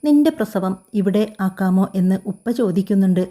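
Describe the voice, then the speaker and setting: A woman reads a caring mother, tender and reassuring. Her voice is very dark and mellow. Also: medium pitch, expressive, moderate pace, natural voice. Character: caring older mother on the phone.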